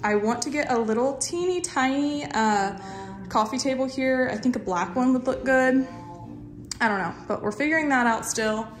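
A woman's voice: high voice, moderate pace, faint music behind. A woman, chatting casually and rambling as she films a tour of her own house on a handheld phone. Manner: chatty, rambling, self-deprecating, trails off and restarts. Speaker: lifestyle vlogger. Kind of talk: casual home-tour chat. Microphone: phone camera on a handheld stick.

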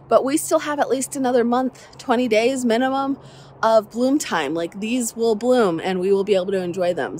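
This garden vlogger, from southern Alabama, speaks at medium pitch with a little hiss or hum on the audio. Walking through her garden with her phone camera at arm's length, she chats in an upbeat way with folksy asides. Faint outdoor sound and the occasional passing helicopter fill the background.

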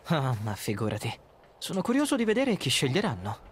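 A man's voice: a little high, huge pitch swings, brisk, a little hiss or hum. An actor dubbing a wry, joking young male survivor in a horror video game. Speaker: game character Dylan. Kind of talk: Italian game dub.

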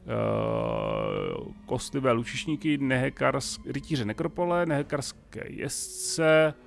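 Czech male let's-player, gravelly voice, musing casual commentary over faint game music. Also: medium pitch, very animated. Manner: thinks aloud, talks to game characters.

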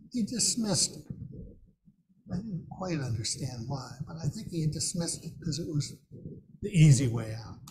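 Slow-preaching man in his sixties. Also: medium pitch, dark tone, slight background noise, rough recording. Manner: slow, measured reading from notes. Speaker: minister. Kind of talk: sermon. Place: small church room, indoors.

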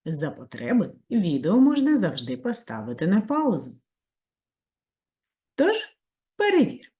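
A female primary school teacher giving a video lesson to children, praising warmly and giving step-by-step tasks. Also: unhurried. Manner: very lively pitch, rising high on praise.

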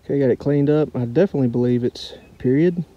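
A man's voice: mid-range voice, fast talker, dull audio. A man hosting a relic-hunting vlog, talking earnestly to viewers as he digs outdoors. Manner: talks to viewers while digging, earnest and devout. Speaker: relic hunter, channel host. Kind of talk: casual outdoor dig vlog narration. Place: outdoors in the woods or fields.

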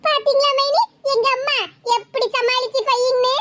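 A sharp-tongued young cartoon daughter with a Kanyakumari Tamil accent, voiced by a woman. She talks in a very high, bright voice, teasing and outspoken. A faint hiss runs underneath. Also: steady tone, moderate pace. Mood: cheerful.

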